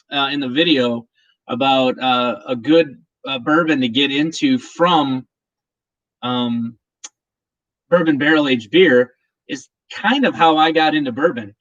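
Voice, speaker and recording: A man's voice: a little high, fairly bright tone, muffled recording. A man hosting a casual livestream, talking in a chatty, rambling way with many restarts. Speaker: livestream host. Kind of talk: casual chat.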